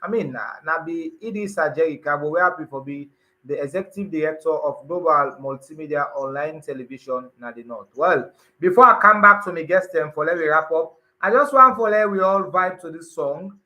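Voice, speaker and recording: A man hosts a live program in a Sierra Leonean Krio-English accent. His voice sits a little high and has a crisp, bright edge. He talks loosely and rambles, with fillers and restarts. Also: brisk, poor audio. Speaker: radio/TV program host. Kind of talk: live show presenting.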